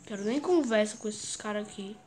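A woman with a Brazilian Portuguese accent giving excitable gameplay commentary and chanting the same words over and over. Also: medium pitch, fairly quick, a little hiss or hum. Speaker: gaming YouTuber.

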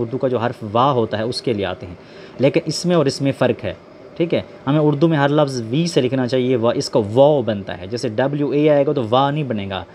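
A man teaching English vocabulary, explaining slowly, spelling words out letter by letter and asking his students questions. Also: mid-range voice, darkish tone, slight background noise. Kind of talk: classroom lesson explaining word pairs.

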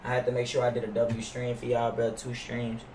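In a monotone, darkish, mid-range voice that runs a little fast, a young adult game streamer fires off casual, brash, profane banter during a livestream. He's in an indoor room at his gaming setup, and the recording comes across roomy and distant with faint noise.

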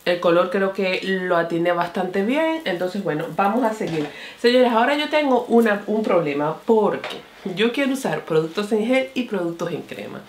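A woman's voice: medium pitch, lively intonation, normal speed. A woman reviewing makeup products in a casual vlog, chatting to her viewers and calling them "señores" and "mi amor". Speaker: beauty vlogger. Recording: echoey room.

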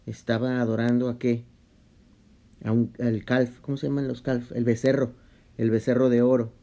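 A man explaining a Bible study in a casual vlog, talking halting and conversational with many restarts and English slang mixed in. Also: medium pitch, little pitch movement, vocal fry, mellow. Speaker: vlogger.

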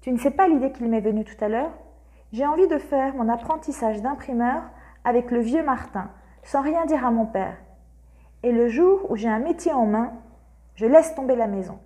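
A woman's voice: fairly high pitch, normal speed, warm tone, close to an everyday voice. A woman voicing an earnest young man from a well-off family, speaking plainly and a little subdued.

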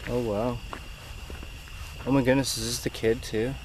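A man with a mid-pitched voice narrates casually on location, as if guiding viewers through a night exploration. The outdoor camera recording is clearly noisy, with crickets and vehicles behind him. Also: level tone, a little slow, darkish tone. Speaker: paranormal investigation vlogger.

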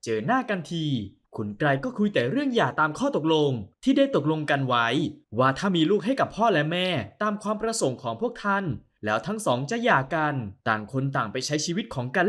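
A man narrating an audio novel in a measured, expressive way, closing with a channel sign-off. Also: on the high side.

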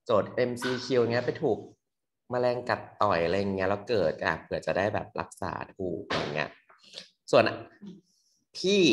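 A young man tutoring medical students in a loose, quick exam review full of fillers. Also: lowish voice. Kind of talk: casual exam review lecture. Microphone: computer mic on a screen recording.

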